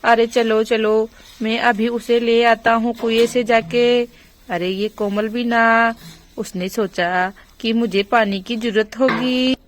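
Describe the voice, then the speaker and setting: Brief: a woman doing an eager young village man, high slow voice, doll story. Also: fairly even intonation. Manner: eager, reassuring. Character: young village man, helpful brother-in-law. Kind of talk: doll story role-play.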